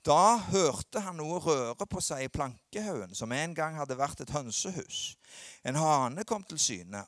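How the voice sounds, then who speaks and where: Emphatic pastor preaching. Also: male voice, no room sound, studio quality. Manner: swings between loud emphatic peaks and low quiet asides. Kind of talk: sermon.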